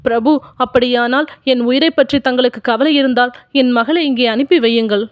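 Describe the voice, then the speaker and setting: Old sculptor guy pleading, all raw and desperate, woman reading him, pitched up, dry sound. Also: moderate pace, no room sound, close to an everyday voice. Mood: anguished. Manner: pleading, crying out. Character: anguished old male sculptor, desperate father.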